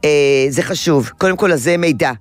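Animated older woman radio advice host. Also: low voice, dry recording, soft background music. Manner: animated, explanatory, acts out children's voices. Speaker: radio call-in host and child therapist. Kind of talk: call-in radio advice talk. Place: radio studio.

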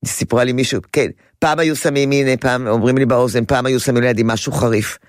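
A woman's voice: a bass voice, fairly even intonation, dry recording, studio quality. A woman giving parenting advice to a caller in an emphatic, repetitive way. She often acts out a child's voice. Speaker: parenting advisor.

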